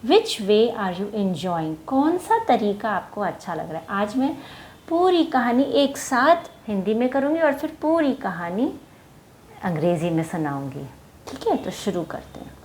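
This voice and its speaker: A woman telling a story to children in an animated way, often asking her young listeners questions. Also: medium pitch, unhurried, slight background noise.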